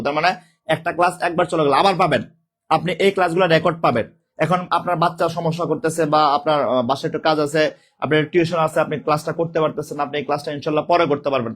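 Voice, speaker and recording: A man teaching a live online exam-prep class with a sore throat, speaking softly, repeating questions and calling out students' names. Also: on the high side. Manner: repetitive, calls out student names and drills questions.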